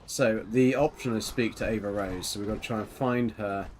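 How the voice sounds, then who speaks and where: A man's voice: fairly low pitch, normal speed, darkish tone, a little hiss or hum. Cheeky man streaming a game. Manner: chatty, cheeky, laughs often. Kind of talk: casual gameplay commentary.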